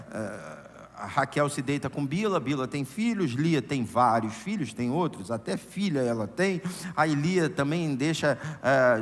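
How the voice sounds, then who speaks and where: A middle-aged Brazilian man preaching a sermon in church, conversational and humorous, telling anecdotes into a microphone. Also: a little high. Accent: Brazilian Portuguese. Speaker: pastor. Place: church sanctuary. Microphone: handheld or stand microphone. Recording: long church hall reverb.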